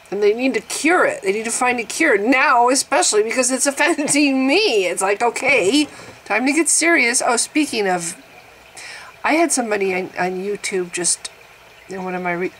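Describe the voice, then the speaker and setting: In a low-quality recording with a little hiss or hum, a woman in her fifties vlogs casually to the camera about growing older. Her manner is wry and exaggerated; she laughs at herself often, and her pitch and loudness swing.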